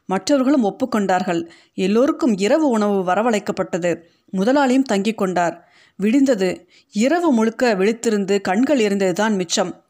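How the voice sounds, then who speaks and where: A woman narrating a short story in an audiobook, reading in a steady, measured way. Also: medium pitch.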